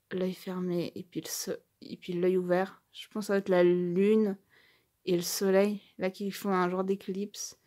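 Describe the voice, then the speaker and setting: A woman talking casually through an unboxing on her channel. She gushes over each small item, with lots of fillers and restarts, and slows down to stumble through English phrases. Her voice sits at a middle pitch. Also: darkish tone. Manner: gushing, hesitant, many fillers and restarts. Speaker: YouTuber unboxing a tarot deck.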